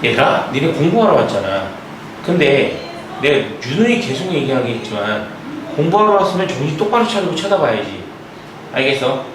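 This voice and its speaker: A man's voice: mid-range voice, very animated. A young man tutoring math at an academy classroom, lecturing and scolding his students, checking in with them constantly. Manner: scolding, lots of quick check-in questions. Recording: very echoey room, mic far off, noisy.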